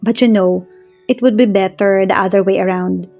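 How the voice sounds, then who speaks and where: A woman voicing an earnest young man who speaks slowly and softly to the woman he loves. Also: mid-range voice, steady tone, gravelly, soft background music. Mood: tender. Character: tender, earnest young man courting his love.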